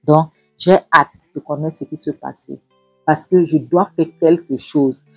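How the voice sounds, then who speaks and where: A woman doing a protective brother, hot-headed and agitated, demanding answers. The voice stays low and husky, with a dry close sound. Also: steady tone, measured pace, a little mellow, no echo, soft background music, exaggerated voice. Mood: indignant. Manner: agitated, indignant.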